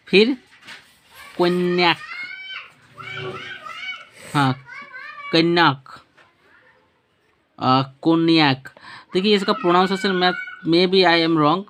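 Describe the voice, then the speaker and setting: A man's voice: on the high side, fairly bright tone, slight background noise. Man, teacher, lesson with a map, asks and answers his own questions, repeats words, fixes slips.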